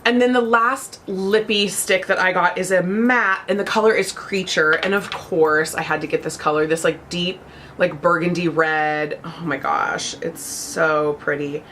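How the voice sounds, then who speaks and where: Still slightly stuffy from a cold, a young beauty vlogger gushes bubbly and chatty about products, using plenty of fillers. She speaks a little slowly in a fairly low, somewhat bright, steady voice, with a little hiss or hum in the audio.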